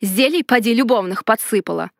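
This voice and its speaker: A woman's voice: a little high, fairly quick, gravelly, no echo, studio quality. A woman voicing a cold, indignant male mage in a read-aloud story, barely changing her own voice. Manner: icy, indignant.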